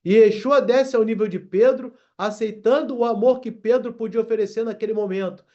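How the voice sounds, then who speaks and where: A man's voice: high voice, a little fast, darkish tone, dull audio. A man preaching a sermon, reading scripture aloud and calling his listeners brothers. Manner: addresses congregation as brothers, reads scripture aloud.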